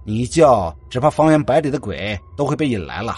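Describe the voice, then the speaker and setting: A man voicing a brash young man who talks in a loud, blunt, teasing way. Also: medium pitch, sing-song, a little fast, husky, soft background music.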